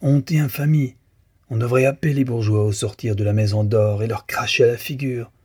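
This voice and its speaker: A man's voice: on the low side, steady tone, brisk, a little mellow, slightly rough. A man voicing a thin male radical who speaks in a tragic tone and thunders against corruption. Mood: indignant. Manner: tragic, denouncing.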